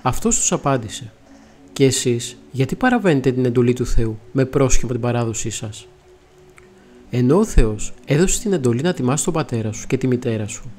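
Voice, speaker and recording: Man reading scripture, steady and measured. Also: mid-range voice, a little hiss or hum. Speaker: Bible reader.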